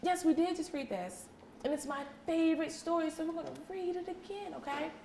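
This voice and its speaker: Young children in an indoor classroom hear a woman teacher read aloud interactively in a very high-pitched, fairly quick voice. She is encouraging and full of praise, using simple questions and instructions she repeats. The recording is echoey, with faint background noise.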